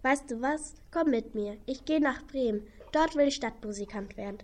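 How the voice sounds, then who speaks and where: A woman's voice: high-pitched, moderate pace, noisy background, natural voice. A woman voicing an old, worn-out male donkey in a children's audio play, talking in an earnest, plain way. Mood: friendly.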